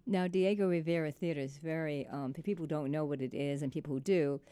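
A woman's voice: low voice, fairly even intonation, fast, mellow, clear, resonant tone. A woman hosting a radio interview, asking questions in an easygoing conversational way. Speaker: radio host.

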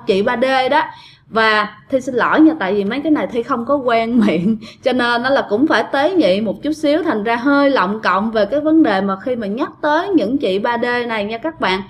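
A woman with a Southern Vietnamese accent, casually retelling a ghost story and chatting directly to her listeners. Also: a little high.

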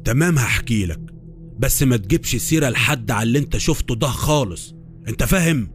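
A man voicing an older, kindly but stern army sergeant, in an Egyptian Arabic accent and a calm, plain way of talking. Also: medium pitch, fast talker, faint music behind, close to an everyday voice. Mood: fatherly.

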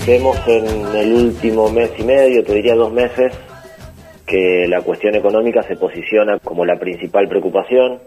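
A sociologist giving measured interview answers, laying out points in order. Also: male voice, fairly low pitch, fairly even intonation, warm tone, soft background music, rough recording.

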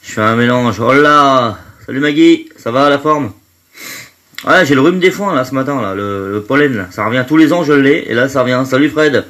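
Stuffy with hay fever, a man live streams from home in a mid-range, slightly bright voice at a moderate pace. He chats casually, greets viewers one by one by name, and trails off with fillers.

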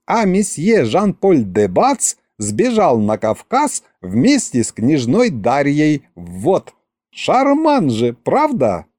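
A man's voice: high-pitched, sing-song, warm tone, no echo, clean studio sound, voice pushed up. A man voicing a giddy vampire girl. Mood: gushing. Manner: sighing, drawn-out, breathless gushing. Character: giddy young vampire girl, dreamy and excitable. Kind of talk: audiobook character reading.

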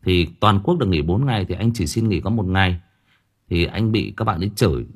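On a livestream, a deep-voiced audiobook reader talks with his audience in an animated, fairly quick way. His casual chat wanders, with frequent hesitations and repeated words.

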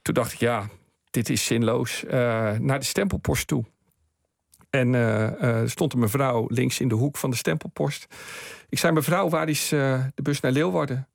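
A man's voice: mid-range voice, normal speed, vocal fry, no echo, clean studio sound. A man on a radio show, telling his own story with chuckles and acting out the voices of the people in it. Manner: lively, chuckling storyteller who acts out quoted voices. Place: radio studio.

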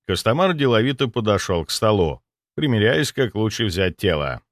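A man narrating a first-person audiobook with steady, dry storytelling. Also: fairly low pitch, normal speed, no room sound.

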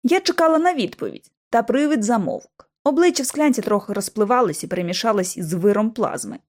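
A woman narrating a first-person audiobook in an expressive, dramatic way. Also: fairly high pitch, brisk.

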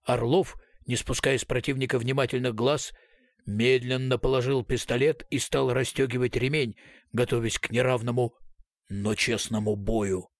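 Guy reading an audiobook, steady pace, middle pitch, dry close mic. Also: moderate pace, no echo. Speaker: audiobook narrator. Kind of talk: scripted narration.

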